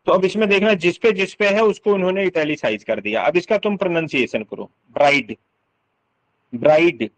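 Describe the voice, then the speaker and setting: A man's voice: sits high, quick pace, few pauses, rough recording. A man teaching English literature for exam prep, explaining step by step, sounding out words aloud and often checking that students follow.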